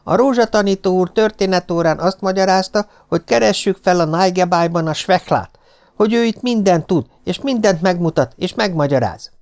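Sly, quick-witted young boy in an audiobook, pitched up, smooth talker; male narrator voices him. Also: a little mellow. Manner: smooth, eager talk.

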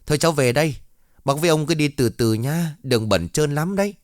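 A man's voice: fairly high pitch, fairly quick, dry recording, studio quality, voice pushed up, close to an everyday voice. A man doing a polite cheerful young woman student. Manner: polite, bright and respectful.

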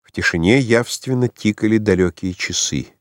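Deep-voiced man reading an audiobook. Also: normal speed, no room sound, clean studio sound. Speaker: audiobook reader. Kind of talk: literary audiobook narration.

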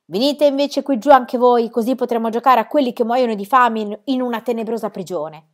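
Woman reader doing a loud, cheeky young girl, high-pitched, storybook reading. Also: brisk, close to an everyday voice. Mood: dramatic. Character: bold playful little girl, boisterous.

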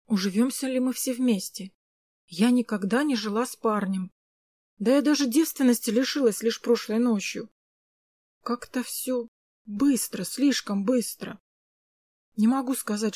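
A woman's voice: fairly high pitch, darkish tone, dry recording. Woman narrating a first-person audiobook.

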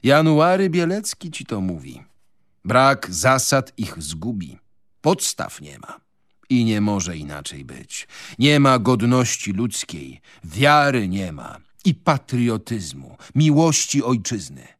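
A man's voice: medium pitch, big pitch swings, slow, no echo, studio quality. A man reading aloud, voicing a pompous, self-pitying older gentry father in a radio reading of a novel. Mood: sermonizing. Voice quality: pompous, declamatory.

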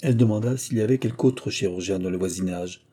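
A man narrating a classic novel as an audiobook, in a measured, even reading. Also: fairly low pitch, husky.

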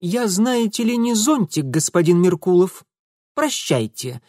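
A woman's voice: lowish voice, very animated, unhurried, dark tone, no echo, voice pushed up. A reader voicing a proud young lady who speaks in a dry, clipped way. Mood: cold offense.

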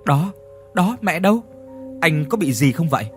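A man's voice: fairly high pitch, very animated, normal speed, faint music behind, pitched above the performer's own voice. A man voicing an anxious young village wife who asks raised, alarmed questions.

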